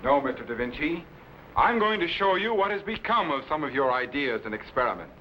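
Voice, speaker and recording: A man's voice: fairly high pitch, big pitch swings, brisk, sharp tone. A man playing an authoritative, reassuring scientist captain in earnest 1950s children's sci-fi acting. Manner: earnest, commanding, declamatory. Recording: dull, hissy vintage programme soundtrack.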